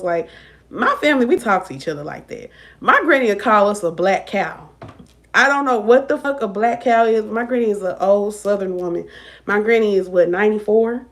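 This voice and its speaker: A woman tarot reader chatting casually on a live stream, blunt and profane, laughing often and talking straight to her viewers. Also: on the high side. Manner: talks straight to viewers, addressing them as y'all.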